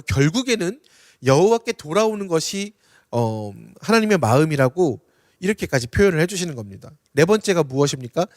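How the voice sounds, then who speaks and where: Young male preacher, earnest question-and-answer delivery, high animated pitch, dry recording. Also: no echo, long reverb tail. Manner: earnest, asks the congregation questions and answers them. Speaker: pastor. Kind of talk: sermon. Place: church sanctuary.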